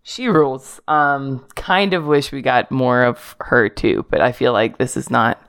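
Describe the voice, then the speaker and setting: A woman's voice: a bass voice, a little slow. A woman hosting a podcast in casual chat, talking in a chatty way, laughing often and filling her speech with "like". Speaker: podcast host.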